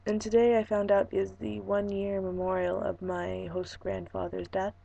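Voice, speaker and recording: A young woman chatting in an unscripted casual vlog on a webcam, halting and relaxed, her sore voice hoarse, breaking and giving out. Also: medium pitch, dull audio, slight background noise. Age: young adult. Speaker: vlogger. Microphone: webcam microphone.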